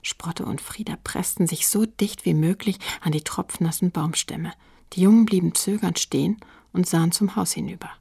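Woman reading a kids book, low gravelly voice, whispers the tense bits. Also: normal speed, warm tone, dry recording, studio quality. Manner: suspenseful, often sinking to a whisper. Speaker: audiobook narrator. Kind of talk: reading a children's book aloud.

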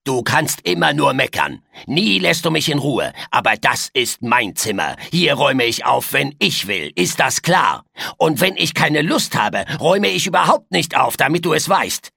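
Storybook creature, male, loud and bossy, pitched up and husky, read by a man. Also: huge pitch swings, a little slow, hardly any pauses, no echo, studio quality, full character voice. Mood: ranting. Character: boisterous angry little male creature.

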